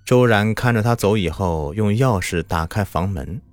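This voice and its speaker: Guy reading a spooky story, lowish voice swinging up and down, soft music behind. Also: animated, normal speed. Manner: dramatic, rising tension. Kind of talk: scripted horror narration.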